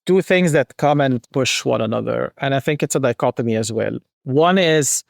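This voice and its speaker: A man's voice: mid-range voice, moderate pace, creaky, no echo, studio quality. A middle-aged man from Egypt, a marketing executive talking through ideas as a podcast guest, thinking aloud with frequent restarts and fillers. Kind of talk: conversational podcast interview.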